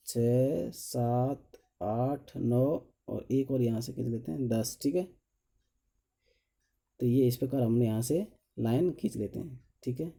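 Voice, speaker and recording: Guy teaching drawing, super dark mellow voice, counts out loud, keeps saying okay and answers his own questions. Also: medium pitch. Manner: asks himself questions and answers them; says 'okay' after nearly every step. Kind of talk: step-by-step tutorial while drawing.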